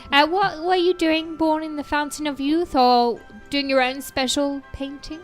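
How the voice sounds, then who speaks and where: An actress playing a vain old star of the screen, full of airs and theatrical flourishes. Her voice sits fairly high, and she makes mock threats about her deadly skills over faint music. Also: steady tone, moderate pace, lightly acted. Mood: grand. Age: older. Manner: grand, theatrical, mock-menacing. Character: vain elderly female actress, theatrical and boastful.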